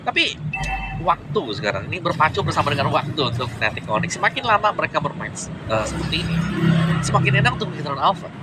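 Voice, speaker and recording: A man's voice: fairly high pitch, sing-song, fast. A man giving analytical esports commentary on a match. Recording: loud background noise, distant mic.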